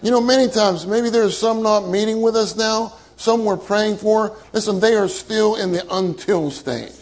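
Male preacher with a high voice: an earnest, emphatic sermon that repeats its key lines. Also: normal speed, poor audio. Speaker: minister.

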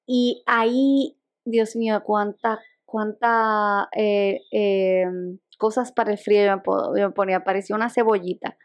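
A woman's voice: medium pitch, fairly even intonation, a little slow. A young woman, co-hosting a podcast in casual chat, laughing often and restarting her sentences. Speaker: podcast co-host.

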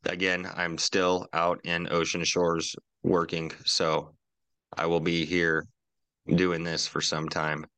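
A man with a very deep voice and a bright, forceful edge hosts a casual podcast. He is laid-back and conversational and swears freely. The sound is close and dry. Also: monotone, slow pace, smooth, no room sound. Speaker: podcast host.

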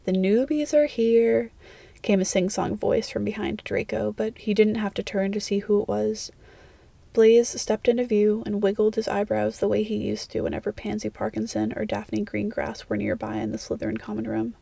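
A woman reading a fan fiction story aloud as narrator in a steady, even way. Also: medium pitch, moderate pace, gravelly, breathy edge, no echo.

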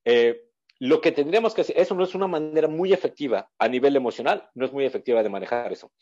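Speaking quickly with lively intonation, this guest expert has a medium-pitched, darkish male voice. His long interview explanations stumble through restarts and fillers, punctuated by short acted-out quotes of kids and parents, all on slightly muffled lo-fi audio.

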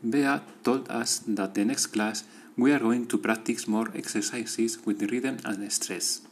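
A man, a student, reading out a prepared class diary in a steady, methodical way. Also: medium pitch, measured pace, slight background noise.

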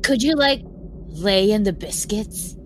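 A woman's voice: mid-range voice, animated, slow, slight background noise. A woman chatting casually as a player in a tabletop role-playing game.

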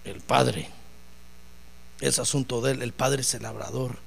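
A man preaching a sermon in an animated, joking way, acting out voices as he tells the story. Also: mid-range voice, measured pace, gravelly, a little hiss or hum.

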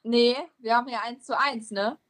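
A young woman co-hosting a casual guessing-game podcast, competitive and stubborn, musing aloud in drawn-out syllables. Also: fairly high pitch, steady tone, a bit bright, slight background noise. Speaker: co-host playing a guessing game.

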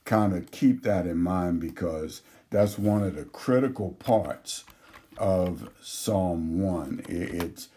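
A man's voice: low voice, warm tone, breathy edge. A man preaching a sermon, reading scripture aloud and explaining it verse by verse with frequent restarts. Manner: slow, measured teaching with frequent restarts. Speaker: pastor.

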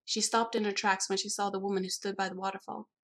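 A woman narrating a novel in a steady, even storytelling manner. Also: mid-range voice, quick pace. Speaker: audiobook reader. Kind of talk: scripted narration.

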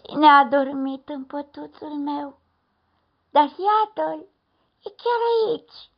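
A woman voicing a tiny little bear cub with a thin, squeaky voice, in a dull lo-fi recording. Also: creaky. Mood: indignant.

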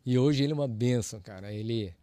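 A man's voice: medium pitch, fast talker, no room sound. A man, a church audio ministry leader, telling his testimony as a guest in a casual way and acting out both sides of each exchange. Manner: lively, acts out both sides of dialogues.

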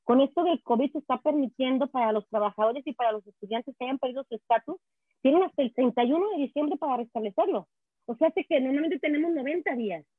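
Fast high Mexican woman on a phone line. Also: lively intonation, breathy edge, no room sound. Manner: fast, chatty, restarts words. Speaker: guest immigration speaker. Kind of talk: casual chat. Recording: tinny dry phone line.

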